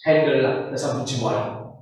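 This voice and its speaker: A man's voice: mid-range voice, normal speed. A male pastor preaching a sermon, repeating phrases and slipping in English lines. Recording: echoey hall, distant mic, faint noise.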